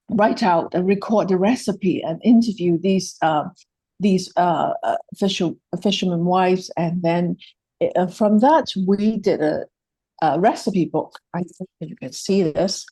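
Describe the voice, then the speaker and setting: Here a woman presents a project, pausing with many fillers and restarts; she has a Hong Kong accent and Cantonese is her native language. Her voice sits at medium pitch with a dark tone, and there's no echo.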